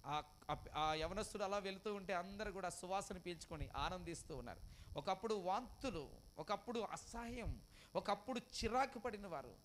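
A man preaching an emotional storytelling sermon. He repeats phrases, asks the congregation questions, and swings from loud cries to hushed lines. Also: sits high, slight background noise.

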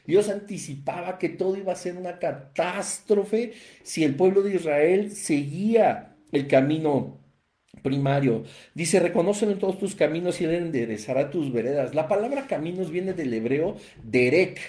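A man's voice: fairly high pitch, expressive, normal speed, dark tone, roomy sound. A man preaching a Bible teaching, emphatic and repeating phrases for stress. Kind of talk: sermon-style Bible teaching.

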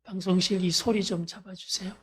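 A woman's voice: fairly low pitch, fairly even intonation, fairly quick, a little mellow, slightly rough. A woman pastor preaching a church service sermon, speaking earnestly and directly to her congregation and leading them in reading scripture aloud.

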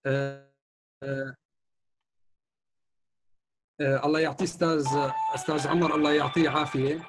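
An engineer in an online meeting makes an earnest suggestion, hesitating a lot and using English technical terms. His voice is fairly high, flat and brisk.

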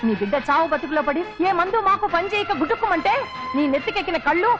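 A spiteful, scheming mother in a TV serial, rattling off curses in a very high, rapid voice. She swings into melodramatic fake grief when it suits her. The sound is dull, with music behind. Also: lively intonation. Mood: bitter. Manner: scolding, melodramatic cursing and fake wailing. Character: scheming older mother, sharp-tongued and spiteful. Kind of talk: TV serial comedy acting.

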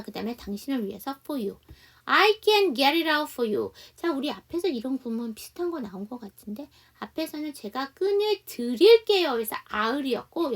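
Lively slow-paced woman teaching English. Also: high voice, recorded from a distance. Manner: explains step by step, asks and answers her own questions; reads example sentences slowly for repetition. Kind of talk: beginner English lesson.

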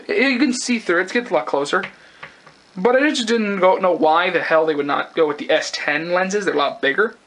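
Young adult male reviewer, high bright voice, halting and sweary, off-the-cuff product rundown. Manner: rambling, halting, casually sweary. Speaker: gas mask collector and reviewer. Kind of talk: casual unscripted product review. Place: indoors, close-up tabletop video.

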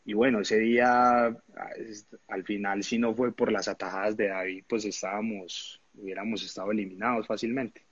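A man, a former footballer telling animated anecdotes in a casual interview, often laughing and acting out the people he quotes. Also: lowish voice, moderate pace, breathy edge, no echo, muffled recording.

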